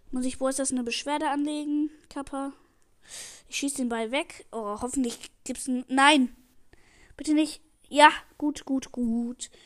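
Excitable high-voiced teen girl gamer. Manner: excitable, pleading and narrating every move. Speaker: gamer streaming her match. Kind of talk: live gameplay commentary. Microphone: headset.

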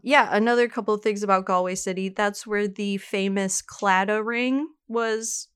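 A woman co-hosting a casual true-crime podcast, chatty, telling the story with quick asides. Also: mid-range voice, fairly even intonation, clear, resonant tone. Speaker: podcast co-host.

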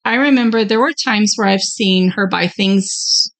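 A woman's voice: mid-range voice, a little slow. A middle-aged woman co-hosting a podcast, speaking reflectively and candidly about herself. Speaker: podcast co-host. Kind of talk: casual chat.

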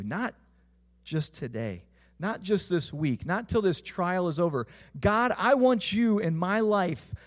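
A young adult man preaching a sermon as a pastor, earnest, putting questions to the listeners and letting his voice drop low at the ends of phrases.

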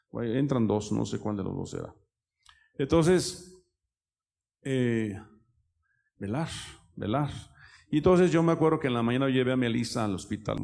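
A man's voice: mid-range voice, vocal fry, mellow. An older man, a pastor giving a rambling, conversational sermon full of personal stories and asides.

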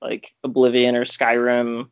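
A man's voice: mid-range voice, monotone, measured pace, smooth, no room sound, muffled recording. A young man co-hosting a podcast, telling a story in casual chat, rambling with lots of fillers and restarts. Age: young adult. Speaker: podcast co-host.

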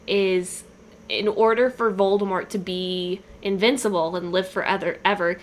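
A woman talks casually, reading from a list and slipping into playful voices for quoted lines. Her pitch sits in the middle range. A faint hiss runs under the recording. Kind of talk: casual chat.

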